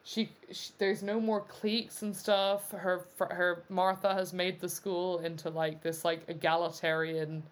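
A woman's voice: lowish voice, little pitch movement, a little slow, hardly any pauses. A woman co-hosting a podcast, chatting casually about a film, rambling with many restarts. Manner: rambling, full of fillers and restarts, laughs often. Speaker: podcast co-host.

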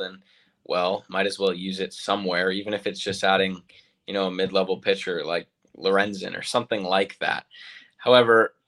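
Low-voiced, skeptical man. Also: a bit bright. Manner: measured, skeptical. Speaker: podcast co-host. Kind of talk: casual sports chat.

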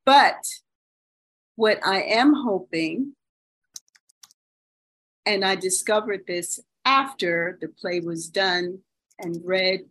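A woman speaks slowly and deliberately as a playwright guest in a casual discussion. She asks pointed, provocative questions. Her pitch sits in a middle range. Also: fairly bright tone, rough recording.

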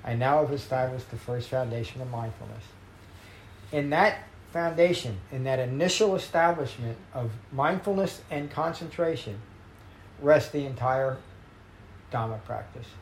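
Man, meditation teacher, dharma talk, measured and emphatic, gravelly voice, echoey room. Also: medium pitch, slight background noise. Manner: measured, emphatic teaching with slowed key phrases. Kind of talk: dharma talk reading a sutta.

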